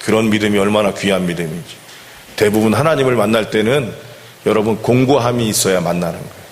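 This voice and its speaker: A senior pastor with a lowish voice preaches fast in a church sanctuary, keeping the sermon conversational and frequently asking the congregation questions. The recording carries a long church-hall reverb and slight background noise.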